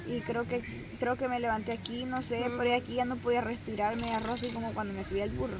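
A woman from El Salvador with a Salvadoran accent, telling in a soft, halting way how she fainted. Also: fairly high pitch, flat delivery, noisy background. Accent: Salvadoran Spanish. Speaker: group member recounting fainting. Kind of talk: casual chat.

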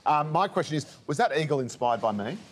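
This is a man co-hosting a TV morning show, with a playful, jokey way of asking questions. His pitch swings widely and his voice is a little husky. He is recorded on a lapel mic in the studio. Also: expressive, quick pace. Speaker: TV show co-host. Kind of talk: TV studio chat.

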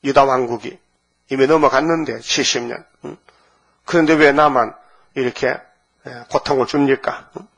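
A man's voice: medium pitch, fairly even intonation, normal speed, a bit bright, breathy edge. A man preaching a dawn sermon, retelling scripture with rhetorical questions and voicing the figures in the story. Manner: preaching with rhetorical questions, frequent "eung?" prompts, acting out dialogue. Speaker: pastor.

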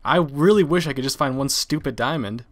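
Young male gamer, dry and teasing, mid-pitched, over a voice-chat mic. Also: brisk. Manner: dry, teasing, deadpan jokes. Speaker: gaming channel co-host. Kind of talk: casual gameplay chat.

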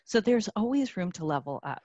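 A woman's voice: mid-range voice, very animated, brisk, warm tone, no room sound, dull audio. A woman co-presenting a business webinar over a conference call, upbeat, with frequent fillers and restarts. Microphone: conference call line.

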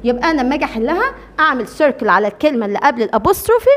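A woman's voice: high-pitched, very animated, very fast, fairly bright tone. A woman with an Egyptian Arabic accent teaching children English grammar. She keeps asking questions, answers them herself and repeats the key words. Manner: calls children by name and coaxes them along.

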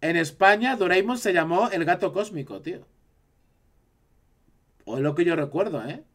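A man's voice: high voice, expressive, moderate pace, a bit bright. A man from Spain with a Spanish accent, chatting casually on a live stream and reacting to his chat.

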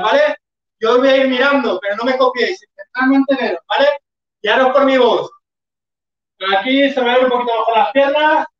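Echoey lo-fi fitness instructor counting reps. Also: high-pitched. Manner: counts reps and urges the class on, sometimes shouting. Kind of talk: live online workout class. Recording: echoey room, far from mic, dull lo-fi.

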